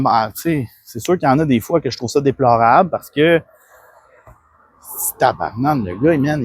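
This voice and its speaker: In studio-quality sound with no echo, a Quebec fitness coach with a Québécois French accent and a medium-pitched, slightly rough voice delivers a casual, self-promotional monologue. He's earnest but rambling, with lots of restarts and fillers.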